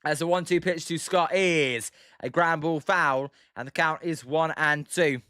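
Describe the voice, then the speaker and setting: A young British man in his twenties hosting a livestream, calling pitches and casually answering viewers' chat. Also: measured pace, sharp tone, clear, resonant tone, dry recording, clean studio sound. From United Kingdom. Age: 20s. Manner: chatty, reads out viewers' names and answers them between pitch calls. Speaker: livestream host. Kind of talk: casual play-by-play with chat replies.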